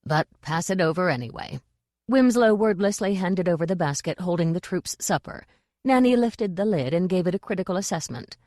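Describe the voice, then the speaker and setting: A woman reading a novel aloud as narrator, in a steady, measured way. Her voice is low and the recording is close and dry. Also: no echo. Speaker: audiobook narrator. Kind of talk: scripted narration.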